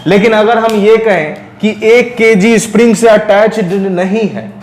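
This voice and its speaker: A man's voice: sits high, measured pace, echoey room. A male physics teacher from India working through a problem step by step and often asking if students follow. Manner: explains step by step, often checks understanding. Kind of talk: recorded classroom lecture.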